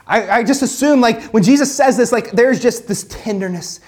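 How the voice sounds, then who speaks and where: A pastor with a mid-range, slightly mellow voice teaches casually from the Bible at a normal speed. He reads scripture aloud between comments, then drives home his points with repeated phrases and plenty of "like" fillers.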